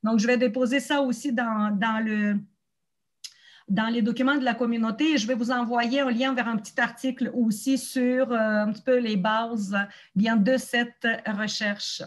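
A woman's voice: on the high side, steady tone, normal speed. A woman hosting an online teachers' meeting, explaining documents and ideas while searching for her words. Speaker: host of a teachers' community meeting.

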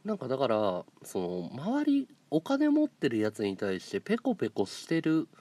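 A man's voice: mid-range voice, wildly swooping pitch, moderate pace, dark tone, no echo. A man streaming a casual monologue, telling stories in a blunt and outspoken way. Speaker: live streamer.

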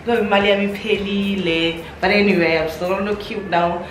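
A woman's voice: mid-range voice, fairly even intonation, normal speed, far from the mic, noisy background. Chatty woman, off-mic in a roomy space. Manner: chatty, giggly, full of "like" and "you know". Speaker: fashion vlogger. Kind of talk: casual try-on haul chat. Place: room at home with a mirror, moving around. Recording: roomy, off-mic, faint music behind.

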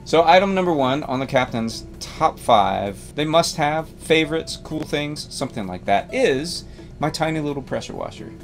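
A man's voice: a little high, lively intonation, moderate pace, faint music behind. A man in his forties, a boat captain hosting, giving a casual, rambling rundown of gear from inside a boat cabin, self-amused and easygoing. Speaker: boat captain and channel host.

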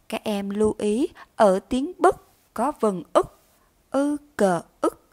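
A woman teacher giving a recorded reading lesson to young children, pronouncing each word and syllable slowly and carefully. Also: medium pitch. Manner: slow, careful enunciation of words and syllables. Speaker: primary school teacher.

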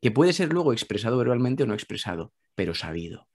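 A man with a Spain Spanish accent, a guest talking calmly about spiritual ideas, repeating phrases and asking rhetorical questions. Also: mid-range voice, quick pace, breathy edge. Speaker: guest speaker. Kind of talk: reflective spiritual talk.

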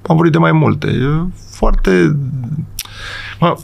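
Speaking on the high side with vocal fry, the middle-aged football coach sounds animated in this casual studio podcast interview. He's emphatic and rambling, with lots of restarts and quick check-ins with the host.

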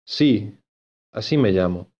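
A man's voice: lowish voice, lively intonation, slow, warm tone, muffled recording. A man voicing a shy, tearful young maid in a storybook reading, speaking in a hesitant, pleading way.

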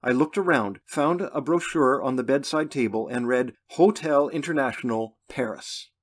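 A man reading his own novel aloud in first person, in a measured, plain storytelling manner. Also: medium pitch. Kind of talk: first-person audiobook narration.

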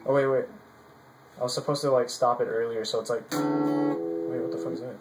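A man's voice: mid-range voice, expressive, normal speed, over loud music. A young man chatting playfully with his girlfriend in his bedroom, joking and laughing as he talks. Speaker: boyfriend playing guitar. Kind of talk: casual joking chat. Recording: noisy home video.

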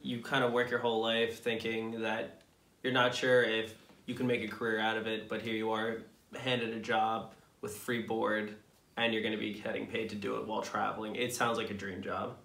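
A young man chats casually to camera as a vlog co-host, recounting stories with a relaxed, amused ease. He sits in a small indoor room, and his voice rings a little off bare walls. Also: lowish voice, moderate pace, gravelly. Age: young adult. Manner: relaxed storytelling, laughs often. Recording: echoey room.

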